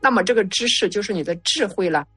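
A young woman chatting casually and haltingly, with a slight thick-tongued lisp from wearing dental braces. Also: mid-range voice, expressive, fairly bright tone, slightly rough, soft background music. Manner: slow, halting delivery. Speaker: guest sharing study experience. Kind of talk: casual chat.

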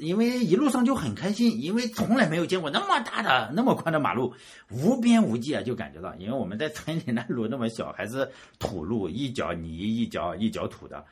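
Guy from rural shandong telling a story, bouncy pitch, kinda husky, repeats himself a lot. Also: brisk. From Shandong, rural China. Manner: animated, repeats words, chuckles at himself. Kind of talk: casual personal storytelling.

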